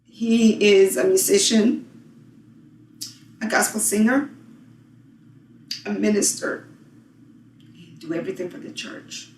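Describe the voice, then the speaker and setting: Woman in her forties, measured testimony, distant echoey recording. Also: medium pitch, steady tone, darkish tone, slight background noise. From Honduras. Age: 40s. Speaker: abuse survivor interviewee. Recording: roomy, from off-mic.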